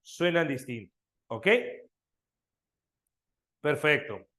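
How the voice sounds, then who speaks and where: Lively male teacher, echoey room. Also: mid-range voice, drawn-out words. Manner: lively, questioning students often, animated. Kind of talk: online exam-prep language class.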